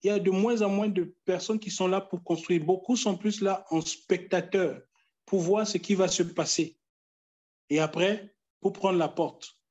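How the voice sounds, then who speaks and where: A man with a high voice delivers a sermon at a slow, deliberate pace. He exhorts his congregation and returns to the same phrases again and again, pausing to stress each one. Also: steady tone, darkish tone, lo-fi sound. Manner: exhorting, pleading with listeners; repeats phrases with emphatic pauses. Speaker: preacher.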